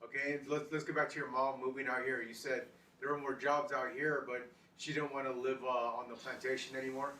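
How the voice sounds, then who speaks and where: A man interviewing casually, asking informal questions with halting follow-ups. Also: medium pitch, level tone, pushed and bright, far from the mic. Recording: roomy, off-mic, faint background noise.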